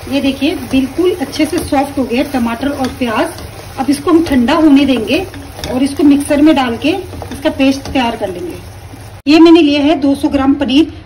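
A woman calmly explaining each step of a recipe while she cooks at her stove at home. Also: high voice, distant mic, slight background noise, rough recording. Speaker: home cooking teacher. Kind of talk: step-by-step cooking instruction.

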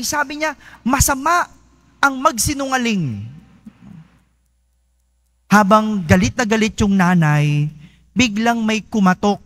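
A priest gives a homily in a high, light voice. He talks slowly and chats with his congregation, often tossing them a quick question. The sound is dry and close. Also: no echo. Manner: conversational, asks listeners "no?" often.

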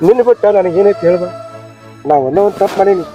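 A man's voice: sits high, fast, mellow, lo-fi sound, soft background music, close to an everyday voice. A man with a North Karnataka accent playing an emotional young son caught between his stepmother and his wife in a village family drama skit. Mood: pleading. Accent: North Karnataka Kannada. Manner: pleading, emotional. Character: pleading young married son, torn between mother and wife.

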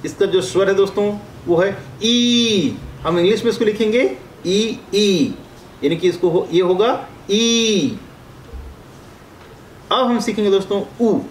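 A man's voice: sits high, a little slow, roomy sound, slight background noise, poor audio. A man from India working as a career coach, giving a step-by-step English lesson and drawing out vowel sounds as he explains. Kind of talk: classroom-style lesson.

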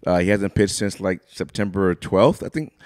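A man's voice: low voice, normal speed, a little mellow, no room sound, studio quality. A man co-hosting a casual sports podcast, talking straight to his listeners with hyped-up energy. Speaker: podcast co-host. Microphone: studio microphone.

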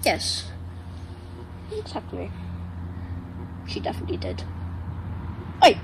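A nine-year-old child speaks slowly to a pet dog, their medium-pitched voice swooping wildly and showing vocal fry. The young vlogger rambles playfully and affectionately from an outdoor patio chair, with noisy surroundings.

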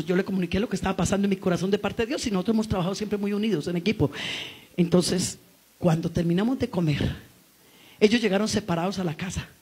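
A middle-aged woman preaching a testimony sermon in church, impassioned and rising to shouts. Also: on the low side, husky. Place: church service.

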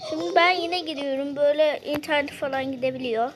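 A woman's voice: sits high, a little fast, crowd noise. A woman giving casual gameplay commentary indoors, chatty and talking straight to her viewers. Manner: chatty, addresses viewers as "arkadaşlar" often. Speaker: gaming vlogger. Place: indoors at someone else's home.

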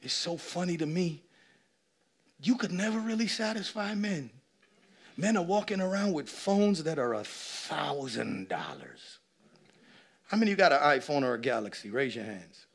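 A pastor preaching a sermon, teasing his congregation playfully and building to shouts. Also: fairly high pitch, big pitch swings, normal speed, vocal fry, slightly rough.

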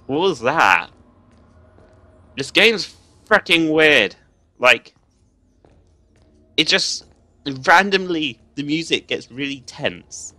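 A man's voice: on the high side, animated, takes it slowly, pauses often, sharp tone, no room sound. A young man, nervously commenting and swearing while playing a horror game for viewers. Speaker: gaming video host.

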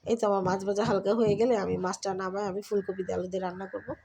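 A middle-aged woman from Bangladesh, chatting casually to viewers while she cooks and cleans at home. She has a cold and keeps her voice soft. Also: mid-range voice, flat delivery, racing, gravelly, slight background noise. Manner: chatty, talks to viewers while doing chores. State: has a cold, speaks softly. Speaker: vlogger. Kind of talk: casual cooking and home vlog narration. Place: home kitchen.

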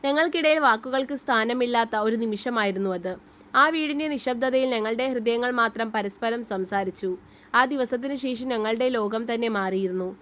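A woman narrating a romantic story in a gentle, steady reading voice. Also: on the high side, a little fast.

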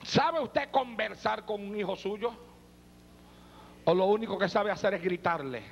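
A man's voice: high voice, measured pace, creaky, long reverb tail, a little hiss or hum. A man in his forties preaching a fervent sermon, questioning the congregation directly and breaking into tongues. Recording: dull lo-fi recording.

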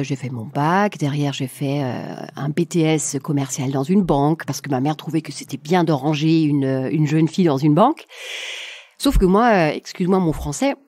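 A woman's voice: sits low, a little mellow, no room sound, studio quality. A woman in her fifties, a native German speaker with a German accent, telling her story casually and with informal humour as an interview guest. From southwest Germany. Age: 50s. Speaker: podcast guest, coach.

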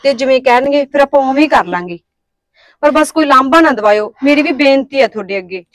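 A woman voices a kind-hearted young Punjabi daughter-in-law. She talks fast in a high voice and stands her ground when pressed. The recording is close and dry. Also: lively intonation, no echo. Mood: consoling. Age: young adult. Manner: quick, earnest, talks back. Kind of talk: village family drama acting.

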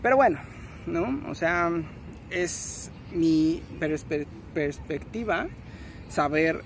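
A man's voice: fairly high pitch, expressive, very slow. A young Mexican man vlogging to his phone in a city park, rambling in casual slang and correcting himself as he goes. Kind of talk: casual selfie vlog. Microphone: phone at arm's length. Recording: outdoor noise, passing traffic.

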